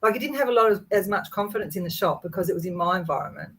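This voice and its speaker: A woman telling a personal story in a casual chat, animated and full of restarts. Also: medium pitch, racing, breathy edge, rough recording. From Hungarian and Yugoslav background. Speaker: guest.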